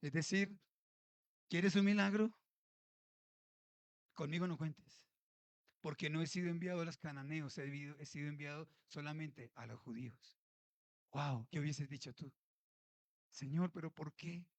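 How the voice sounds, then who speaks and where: A man's voice: fairly high pitch, steady tone, normal speed, long pauses, no room sound. A man preaching a sermon as a pastor, acting out pleading prayers and asking the congregation rhetorical questions.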